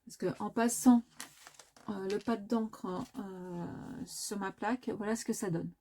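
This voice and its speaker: A woman's voice: mid-range voice, fairly even intonation, takes it slowly, mellow, a little hiss or hum. Hesitant French-speaking woman demonstrating crafts. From France. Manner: hesitant, many filler sounds, self-correcting. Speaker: crafting video host.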